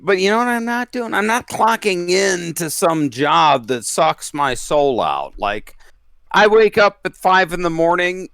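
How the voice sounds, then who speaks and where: A man's voice: high voice, animated, unhurried, vocal fry, fairly bright tone, clean tone, no room sound, clean studio sound. A man in his thirties chatting on a podcast as a guest, peppering his speech with "like" and "dude.". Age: 30s. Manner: filler-heavy, says "like" and "dude" constantly. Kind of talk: casual podcast chat.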